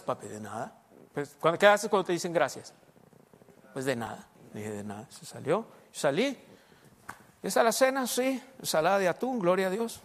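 A man preaching a sermon in a storytelling way, dropping to hushed asides and rising to emphatic exhortation. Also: on the high side, in a large hall. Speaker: pastor.

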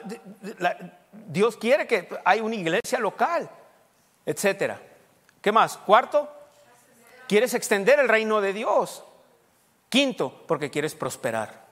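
High-voiced preaching man in a reverberant hall. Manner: emphatic, rising to loud peaks when listing points. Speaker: pastor. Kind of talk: sermon.

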